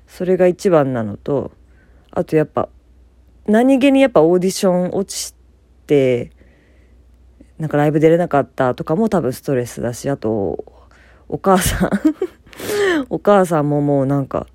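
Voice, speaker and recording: A woman's voice: low-pitched, sing-song, moderate pace, pauses often, mellow, no echo. A young woman from Fukuoka hosting a casual solo talk, chatty and self-deprecating, laughing often as she speaks. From Fukuoka, Japan. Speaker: podcast host.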